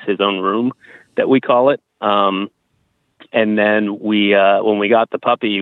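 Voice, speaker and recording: Male interview guest, thirties, low voice, thin phone audio, conversational and personal. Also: no room sound, phone-quality sound. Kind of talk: casual conversational interview, telling personal experiences. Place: outdoors at a campground.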